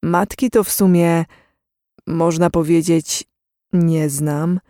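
A narrator voicing a gentle, evasive young man who talks hesitantly about his past, in an audiobook reading. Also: a little high, fairly even intonation, clear, resonant tone, no echo, clean studio sound. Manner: hesitant, slow, sparing with words.

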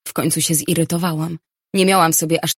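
A woman narrating a novel in the first person, reading in a measured, even way. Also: low-pitched, slightly rough, no echo, studio quality. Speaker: audiobook narrator.

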